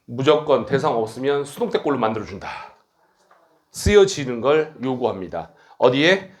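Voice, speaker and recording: A middle-aged man directing his academy and teaching a grammar lecture, brisk and blunt, teasing his students and tagging on quick questions. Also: medium pitch, lively intonation, a little hiss or hum.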